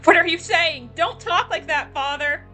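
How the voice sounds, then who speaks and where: A woman's voice: mid-range voice, sing-song, moderate pace, soft background music, voice pushed up, natural voice. A woman voicing a devoted young daughter. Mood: distraught. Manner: earnest, formal old-fashioned phrasing. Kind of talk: fan dubbing a game's dialogue.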